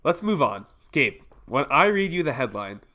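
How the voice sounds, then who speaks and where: A young man with a mid pitch and a bright, forward tone talks on a casual podcast. He hedges his points and drops wry, offhand jokes. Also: very animated, normal speed. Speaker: podcast co-host.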